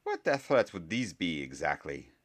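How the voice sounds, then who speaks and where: A man's voice: low voice, very animated, moderate pace. A man voicing a stern, dumpy older woman professor who speaks in an icy, clipped, skeptical way.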